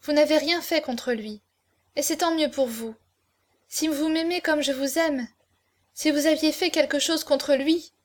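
A woman's voice: sits high, measured pace, pitched above the performer's own voice. A woman reading aloud, voicing an anguished, proud young woman with an intense manner in an audiobook. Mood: haughty. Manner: intense, pleading then haughty.

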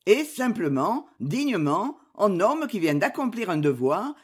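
A woman reading a novel aloud, expressive and measured. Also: mid-range voice, husky. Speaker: audiobook reader.

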